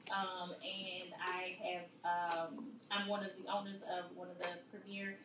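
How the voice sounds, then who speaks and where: A woman's voice: on the low side, monotone, unhurried. Woman panelist in a reverberant noisy room. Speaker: writer and shop owner on a panel. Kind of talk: casual self-introduction. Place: indoor convention panel room. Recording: echoey noisy room, distant mic.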